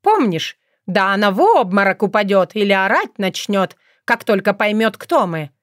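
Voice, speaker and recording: A woman's voice: medium pitch, sing-song, moderate pace, dry recording, studio quality, close to an everyday voice. A woman voicing an elderly fox grandmother who sounds sugary and then snaps into stern, domineering commands. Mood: bossy. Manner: honeyed then sharply bossy. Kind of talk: audiobook character voice.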